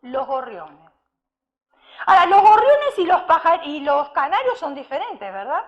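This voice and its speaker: A woman's voice: extremely high pitch, big pitch swings, unhurried. A woman preacher giving a sermon, telling stories and putting questions to her congregation. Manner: storytelling with rhetorical questions to the congregation. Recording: dull lo-fi sound.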